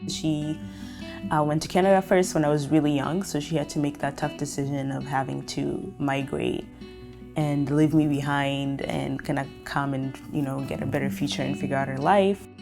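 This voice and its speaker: A woman's voice: low voice, steady tone, normal speed, creaky, music in the background. A young woman from Kenya, telling her story in a documentary interview, reflective and full of fillers. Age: young adult.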